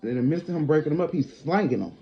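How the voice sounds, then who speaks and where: A woman's voice: low-pitched, racing, gravelly, slight background noise. A middle-aged woman telling a personal story casually and bluntly, acting out what people said, in a dull lo-fi recording. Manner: animated, blunt, acts out quotes. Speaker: storyteller vlogger.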